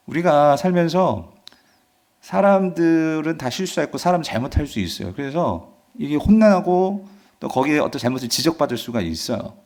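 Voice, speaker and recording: A male pastor preaching a sermon, asking his congregation questions and answering them himself, reading scripture loudly and dropping to soft asides. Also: medium pitch. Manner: swings between loud emphatic scripture reading and soft asides. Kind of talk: Friday revival-service sermon.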